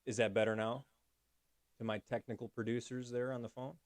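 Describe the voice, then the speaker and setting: A man's voice: medium pitch, flat delivery, a little fast, no room sound. A man hosting a casual livestream, chatty, thanking viewers by name and talking through fixing his audio. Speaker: livestream host.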